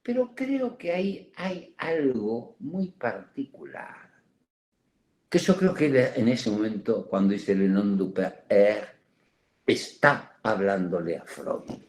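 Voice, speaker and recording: A man lecturing slowly, his pitch swinging widely as he circles back over his points. He peppers his talk with "¿eh?" and short asides, and a nagging cough keeps catching at his throat. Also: expressive. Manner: slow, digressive, with many "¿eh?" tag questions. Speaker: psychoanalysis lecturer. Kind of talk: spoken seminar lecture.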